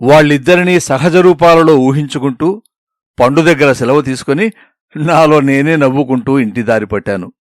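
A man reading out a comic story, telling it in a playful, expressive way. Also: medium pitch, dry recording, studio quality. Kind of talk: scripted narration of a comic story.

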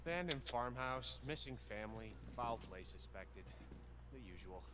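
Guy acting testy tired tv producer in a video game, terse, pitch moves around a lot. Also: expressive, normal speed, close to an everyday voice. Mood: matter-of-fact. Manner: terse, testy, matter-of-fact. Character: curt, weary male TV producer.

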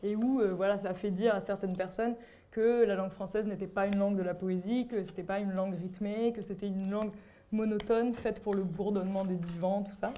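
A young woman moderating an academic seminar, explaining linguistics with many pauses and fillers. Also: medium pitch, fairly even intonation, warm tone, a little hiss or hum. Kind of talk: academic discussion.

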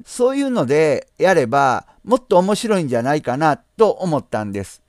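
A man from Nara, hosting a screen-share software tutorial in a polite, explanatory way, often pausing on drawn-out asides. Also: fairly high pitch, very animated, no room sound, studio quality. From Nara, Japan. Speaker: channel host.

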